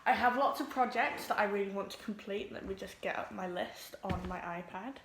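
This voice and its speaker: A teenage girl, introducing her vlog at home, nervous and quick, with lots of ums. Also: mid-range voice, echoey room, noisy background. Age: teens. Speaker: vlogger. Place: home room with pets.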